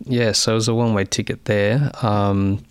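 A man in his thirties or forties who grew up in China, speaking as an interview guest in a measured, reflective way with frequent fillers. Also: fairly low pitch, fairly even intonation, a little hiss or hum. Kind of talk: conversational interview.

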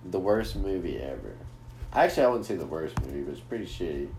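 A man's voice: deep voice, very animated, fast talker, a little mellow, soft background music. Gender: man. Role: crude, swearing podcast host. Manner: crude, rambling, swears a lot. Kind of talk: casual podcast chat. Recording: echoey room with faint noise.

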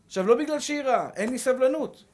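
A man's voice: extremely high pitch, darkish tone. A male rabbi giving a sermon in an emphatic, rousing way, repeating short rallying calls.

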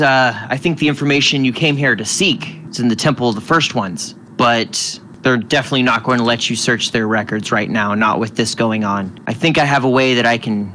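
A man's voice: mid-range voice, bright, forceful tone, slight background noise. A man voicing a wary, secretive male undercover agent in a tabletop game. He speaks hesitantly, in a confiding tone, with many restarts. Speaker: game master voicing a contact.

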